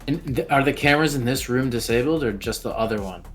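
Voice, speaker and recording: A man's voice: medium pitch, fast talker, faint music behind. A man playing a tabletop game, chatting casually and asking the game master questions. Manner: relaxed, questioning. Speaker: player.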